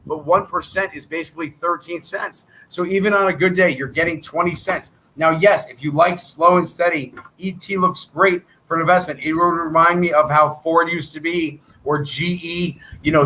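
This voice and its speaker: A middle-aged trading coach runs a live trading chat, rattling off numbers in a brisk, salesy patter while thinking out loud. His high, bright, edgy voice keeps a steady tone but is wearing thin, as if he's losing it, and the audio is poor.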